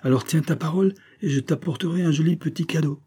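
Un homme jouant un jeune lieutenant fier et guindé. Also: male voice, a little high, fast, warm tone, breathy edge, pitched above the performer's own voice. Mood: courting. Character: young army lieutenant, proud and touchy.

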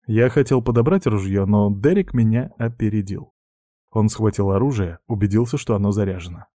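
Male audiobook narrator; wry, measured, dark timbre. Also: fairly low pitch, no echo, studio quality. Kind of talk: audiobook reading.

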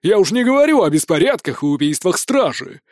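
A man voicing a wrathful, domineering king scolding his son in an audiobook, with a booming, shouting delivery. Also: lively intonation, normal speed, dry recording, studio quality, lightly acted. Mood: furious. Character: wrathful middle-aged male king, domineering father. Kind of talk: audiobook character voice.

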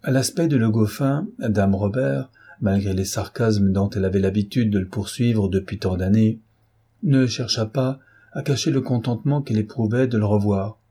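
A man reading a classic novel aloud as an audiobook narrator, in a steady, measured manner. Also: lowish voice, husky.

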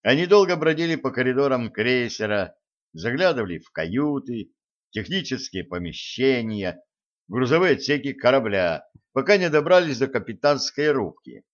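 A man narrating an audiobook in a measured, unhurried reading. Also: medium pitch, big pitch swings, dull audio. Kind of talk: audiobook narration of science fiction.

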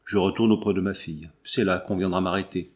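A man's voice: low voice, steady tone, brisk, darkish tone, close to an everyday voice. A man reading as a hunted, desperate mother. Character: hunted, desperate mother, middle-aged woman.

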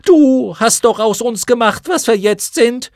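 A man voicing a swarm of clownish moth creatures in an audiobook, with a shrill, screeching, mocking manner. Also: expressive, measured pace, no room sound, studio quality, heavily acted. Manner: mocking, rowdy chorus. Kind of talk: audiobook character voice.

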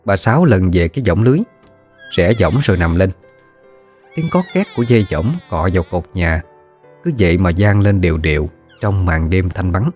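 A man narrating a ghost story in a steady, measured storytelling manner. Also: sits low, faint music behind.

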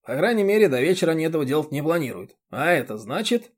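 A man's voice: on the high side, very animated, quick pace, breathy edge, pitched above the performer's own voice. Man voicing a wry, scheming Violinist. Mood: planning. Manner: dry, mocking.

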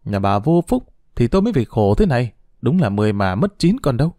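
A man voicing a brash young daughter-in-law in an audio story, sneering in quick, sharp bursts. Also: medium pitch, very animated, dry recording, clean studio sound, close to an everyday voice. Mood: spiteful.

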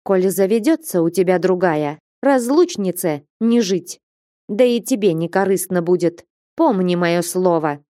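A woman voicing a proud, passionate young peasant woman in an audiobook, sharp and reproachful. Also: on the low side, animated, a little slow, no echo, studio quality. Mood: angry. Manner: tearful pleading turning to fierce scolding.

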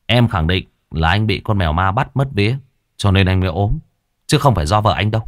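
A male storyteller voicing a hot-headed young village shaman who talks fast and heated. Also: fairly low pitch, expressive, dry recording, studio quality, lightly acted. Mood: firm.

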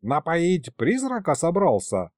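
A man doing a gruff rustic old grandfather. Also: fairly high pitch, huge pitch swings, measured pace, a little mellow, no echo, studio quality, pitched above the performer's own voice. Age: older. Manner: folksy, gruff.

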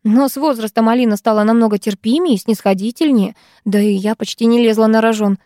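Woman narrator, first-person audiobook, expressive reading, mellow higher voice. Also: quick pace, no echo, studio quality.

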